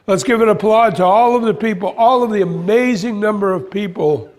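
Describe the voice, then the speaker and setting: An older man telling a spiritual story in an animated way, acting out voices and exclamations. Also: sits high, brisk. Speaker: spiritual speaker. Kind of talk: storytelling talk.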